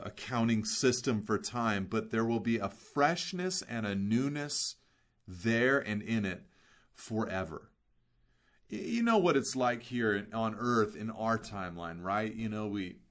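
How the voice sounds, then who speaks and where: A man preaching a sermon in an earnest way, slowing down to stress key words and asking rhetorical questions. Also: lowish voice, fairly bright tone. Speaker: pastor.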